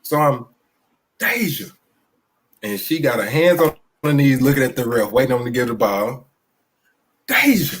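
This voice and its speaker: A man with an East Texas country twang, a basketball coach telling loud, animated stories in a casual live interview. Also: medium pitch, fast.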